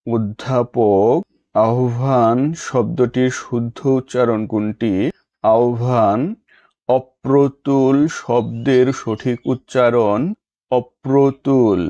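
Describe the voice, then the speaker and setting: A man reading an exam-prep lesson in a formal, measured way, stating each question and then its answer. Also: mid-range voice, dark tone, no echo, dull audio.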